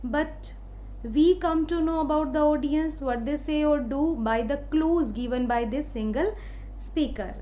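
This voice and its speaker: A woman from India with an Indian English accent, giving a literature lecture in a slow, explaining way with many hesitant fillers. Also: high-pitched, dark tone, a little hiss or hum. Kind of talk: recorded lecture.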